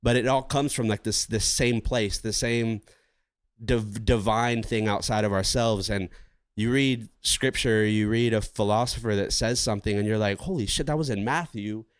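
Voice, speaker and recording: A man co-hosting a podcast in casual chat, rambling and animated, swearing freely as he talks through ideas. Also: lowish voice, moderate pace, clear, resonant tone, no room sound, studio quality. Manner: rambling, profane and animated, acting out his inner voice. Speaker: podcast co-host.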